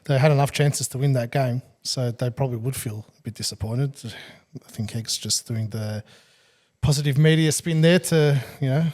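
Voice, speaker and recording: A man with an Australian accent, co-hosting a football podcast in casual, measured chat. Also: mid-range voice, a little mellow. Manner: measured, laughs easily, hedging asides. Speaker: podcast co-host, football pundit.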